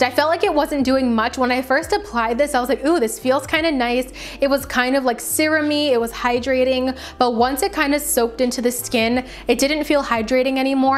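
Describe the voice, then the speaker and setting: Speaking casually to camera, a beauty vlogger with a fairly high voice chats through her product reviews, stressing words for emphasis. A long stretch of talking has left her voice a little raspy and tired.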